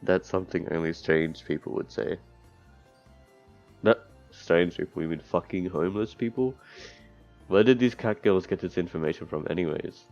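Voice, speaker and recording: This low-voiced man, with a somewhat dark tone and a moderate pace, is reading a visual novel aloud on stream while adding profane, sardonic, crude remarks of his own. The lo-fi microphone sounds dull, with game music in the background.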